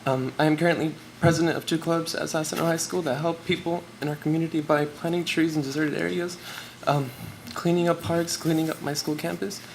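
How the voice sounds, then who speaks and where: Gravelly teen boy, nervous and tearful. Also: fairly high pitch, fairly even intonation, a little fast, few pauses. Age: teens. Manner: nervous, reading from notes. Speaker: student award recipient. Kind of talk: prepared acceptance speech. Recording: noisy live event recording.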